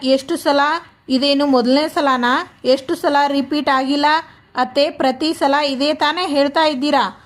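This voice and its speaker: A woman's voice: sits high, steady tone, unhurried. A woman voicing a tearful, scheming middle-aged widow from a TV serial, in a plaintive, self-pitying tone. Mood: aggrieved.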